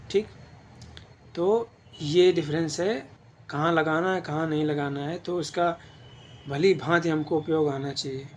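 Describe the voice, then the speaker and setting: A man with a fairly high voice teaches an exam-prep grammar lesson. He explains patiently and keeps checking in with his listeners. Faint background noise sits under the recording.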